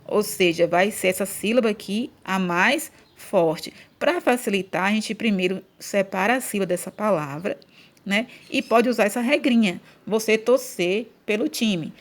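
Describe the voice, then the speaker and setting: A woman's voice: medium pitch, normal speed. A woman with a Brazilian Portuguese accent teaching a grammar lesson for children, speaking patiently and stretching out syllables when she chants example words.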